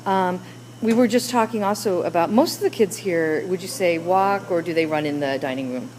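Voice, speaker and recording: A woman's voice: fairly low pitch, moderate pace, crowd noise, low-quality recording. A woman teacher leading a classroom discussion with children, coaxing them with question after question.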